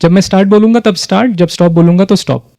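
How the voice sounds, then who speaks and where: A man's voice: sits high, steady tone, very fast, creaky, mellow, no echo. A man facilitating a live workshop, leading a group exercise and often asking the audience questions. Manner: engages the audience with frequent questions, mixes in English phrases.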